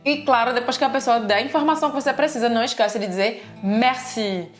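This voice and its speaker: A Brazilian woman with a Brazilian Portuguese accent, explaining customs in a casual video lesson with lively examples. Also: a little high, fast talker. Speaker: language teacher and co-host. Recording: echoey room with faint music.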